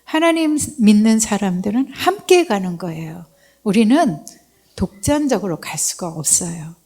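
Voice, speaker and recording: A woman missionary from Seoul giving a lively, humorous testimony in a church service, acting out the voices she quotes. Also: mid-range voice, normal speed. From Seoul, South Korea.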